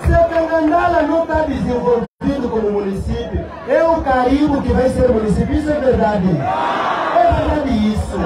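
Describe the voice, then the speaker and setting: Addressing a rally from an open-sided outdoor stand under a canopy, an Angolan political party secretary declaims passionately in a very high, Portuguese-accented voice, posing rhetorical questions to his audience. A cluster of press microphones and a PA pick him up, and the sound is distant and echoing over a noisy crowd.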